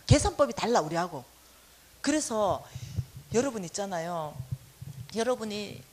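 A woman preacher delivering a sermon, telling personal stories with animated storytelling and acting out quoted lines. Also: on the high side.

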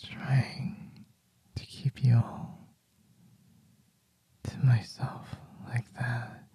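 A man playing a tender, sleepy boyfriend in a whispered role-play, murmuring softly and slowly in a husky, breathy morning voice. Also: mid-range voice, completely flat delivery, full character voice. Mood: soft, hesitant. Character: sleepy, tender, protective boyfriend waking his partner.

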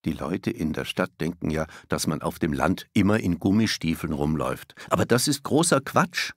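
A man narrating a children's audiobook in a playful, animated way. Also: sits low, moderate pace, breathy edge, no room sound, clean studio sound.

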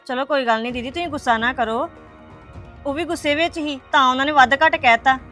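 A woman's voice: high-pitched, fast, sharp tone, faint music behind. A woman plays a young wife who soothes and placates her upset relatives. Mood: placating. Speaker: daughter-in-law. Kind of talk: family web series acting.

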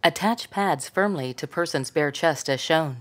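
A woman voicing the recorded spoken prompts of a defibrillator, giving flat, clipped commands. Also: low voice, measured pace. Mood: instructive. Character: calm female defibrillator voice prompt.

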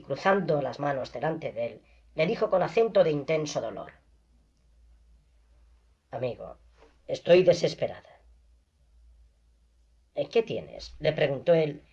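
Expressive audiobook narrator, lively pitch. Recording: dull lo-fi recording.

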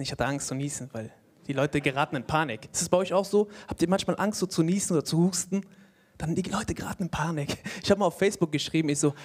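Young man, stand-up comedian, high voice, animated, laughs between jokes, faint audience. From Palestine. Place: comedy stage before a live audience.

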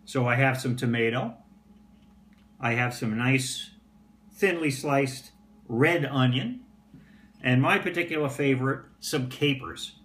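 A man's voice: mid-range voice, takes it slowly, long pauses. Older man chatting in an echoey kitchen. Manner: relaxed, chatty, frequent "uh" fillers. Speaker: pipe-smoking home cooking vlogger. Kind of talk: casual home cooking demonstration. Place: home kitchen, indoors. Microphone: phone or camera on the table. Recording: roomy kitchen echo, faint background hum.

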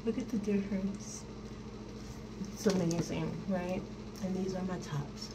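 A woman's voice: lowish voice, fairly even intonation, measured pace. Woman talking with a finger pulling her lip down. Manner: chatty, laughing, self-conscious. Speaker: customer testimonial. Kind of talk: casual testimonial to camera. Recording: distant mic with noticeable ambient noise.

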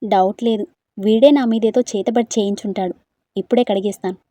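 A woman voicing a suspicious young woman who loudly accuses her cousin. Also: medium pitch, steady tone, fairly quick, no echo, lightly acted. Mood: accusing. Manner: accusing, raised voice.

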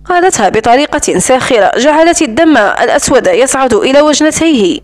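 A high-voiced woman narrates a romance novel for an audiobook. She reads fairly quickly, keeping a steady, even, plain storytelling manner.

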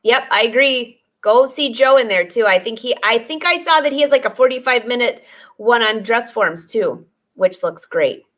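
A woman in her forties, a sewing teacher, hosts a casual live stream from her indoor studio with dress forms, speaking to viewers through a desk webcam. Her fairly high, bright voice is animated at a moderate pace as she chats easily, greets commenters by name and laughs often.

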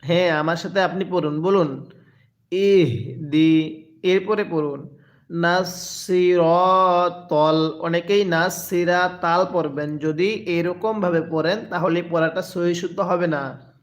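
A man teaching Quran recitation, drawing out each phrase slowly and having listeners repeat after him, then explaining in quick bursts. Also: fairly high pitch. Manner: drawn-out slow recitation between quick explanations. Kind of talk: recitation lesson, call and repeat. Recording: muffled lo-fi recording.

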